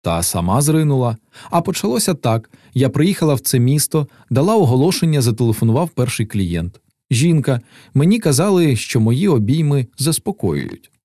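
A man reading a gentle, thoughtful young woman's lines in an audiobook, lifting his voice slightly. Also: mid-range voice, big pitch swings, moderate pace, no room sound, studio quality, voice pushed up. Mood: earnest.

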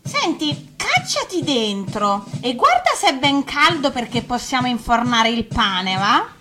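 Wicked old witch, crooning, sly, very high swooping voice, music under it. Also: big pitch swings, unhurried. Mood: wheedling. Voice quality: high, crooning, put-on crone voice. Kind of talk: radio fairy tale reading.

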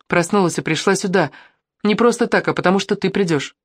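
A man reading an audiobook and voicing a playful, lovestruck teenage girl with a teasing, excitable manner. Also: high-pitched, a little fast, dry recording, studio quality, voice pushed up. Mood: dreamy.

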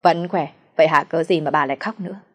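A woman's voice: deep voice, quick pace, a bit bright. A woman reading the lines of a blunt, demanding elderly husband in an audio story. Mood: puzzled. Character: elderly husband, bewildered then furious.

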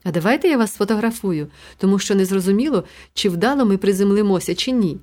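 A gloomy, thin, trembling man speaks in a storybook reading, anxious and blunt about grim things. A woman reads him out with barely any change from her own voice. Her pitch sits in an ordinary middle range. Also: expressive, quick pace, a little mellow, lightly acted. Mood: morbid, polite.

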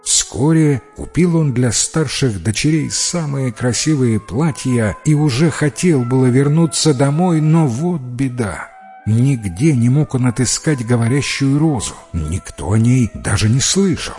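A man narrating a fairy-tale audiobook with expressive storytelling. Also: mid-range voice, measured pace, faint music behind.

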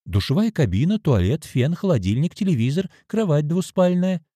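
A man's voice: fairly high pitch, big pitch swings, normal speed, warm tone, husky, no echo, pitched above the performer's own voice. A stern young hotel receptionist, read by a man, prim and matter-of-fact. Her voice sits well above the reader's own and swings up and down as she lists things off. The sound is close and dry.

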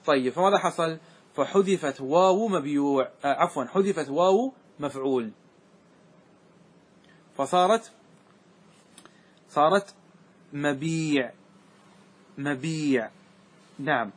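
A man teaching Arabic grammar as a sheikh, walking his class through word forms step by step and asking often whether it is clear. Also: fairly high pitch, animated. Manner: keeps checking that students follow, asking if it is clear; slows and repeats words to stress their forms.

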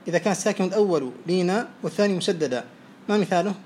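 Brisk male teacher quizzing students. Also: high-pitched, darkish tone. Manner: brisk, praises each answer. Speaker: teacher of Arabic morphology. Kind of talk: oral quiz lesson. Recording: faint background noise.

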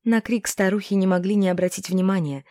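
A woman narrating a fantasy audiobook in the first person, in an even, measured way. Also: medium pitch, no room sound, studio quality. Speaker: audiobook reader.

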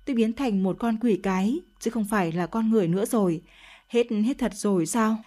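A woman's voice: medium pitch, fairly quick, mellow. A woman narrating a dramatic first-person story in an emotional, confessional tone.

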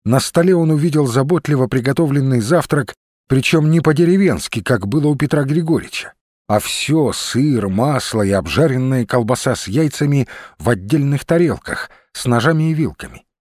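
A man reading a novel aloud in measured audiobook narration. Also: mid-range voice, expressive, darkish tone, dry recording, clean studio sound. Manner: measured storytelling. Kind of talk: scripted narration.

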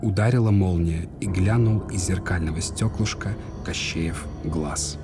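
A man narrating a fairy tale in a measured, solemn storybook manner. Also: low-pitched, over music. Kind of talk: storybook reading.

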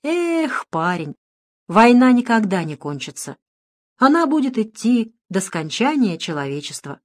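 Woman voicing elderly male priest, wise, gentle, firm, folksy, audiobook. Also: a little high, big pitch swings, a little slow. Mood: earnest.

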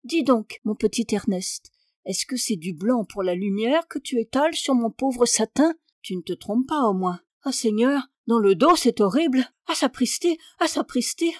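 A woman's voice: on the high side, expressive, moderate pace, dry recording, studio quality, natural voice. A woman voicing a fussy, imperious aristocratic aunt in a read-aloud novel, exclaiming and scolding.

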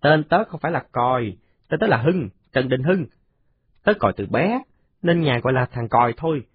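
A man's voice: mid-range voice, expressive, moderate pace, breathy edge, no echo, phone-quality sound, voice pushed up. A man voicing a boastful, chatty ten-year-old boy in a storybook reading.

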